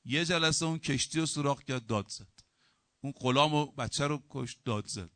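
A middle-aged man preaching a sermon as a cleric, telling humorous anecdotes and moving between loud emphasis and quieter asides. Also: medium pitch, no echo. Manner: lively storytelling with humor, acting out quoted dialogue.

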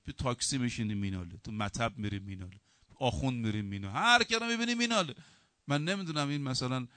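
A middle-aged male cleric delivering a sermon with a forceful, bright-edged voice. He stresses key words loudly, then drops into quieter asides, and weaves humorous anecdotes into his preaching. The sound is dry and close. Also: mid-range voice, no echo. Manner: lively storytelling with humor, acting out quoted dialogue; emphatic preaching that shifts between loud stress and quieter asides.

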